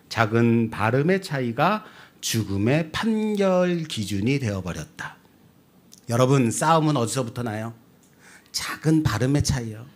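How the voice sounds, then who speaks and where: A man, a pastor, preaching a sermon, asking the congregation questions and swinging between loud emphatic lines and quiet drops. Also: medium pitch.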